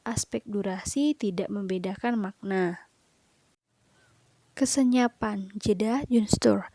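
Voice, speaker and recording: A woman's voice: mid-range voice, warm tone, dry recording. A young woman, a university student, presenting a lesson by reading listed points aloud in short phrases with occasional fillers. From Indonesia. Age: young adult. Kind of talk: read-aloud lecture presentation.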